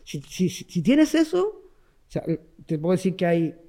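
A man's voice: high-pitched, very animated, unhurried, dark tone. A man with a Chilean accent, the guest expert in a broadcast interview, explaining emphatically and repeating key words. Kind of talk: radio and TV interview.

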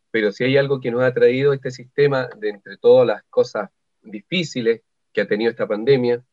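A man hosting a university radio interview, upbeat and chatty. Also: medium pitch. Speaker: radio host. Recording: slightly dull lo-fi sound.

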